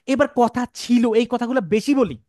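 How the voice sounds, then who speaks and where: A man's voice: very high-pitched, moderate pace, darkish tone, no room sound, clean studio sound. Man drilling an English class. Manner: repeats and drills phrases, asks the class questions. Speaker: English teacher. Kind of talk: classroom lecture.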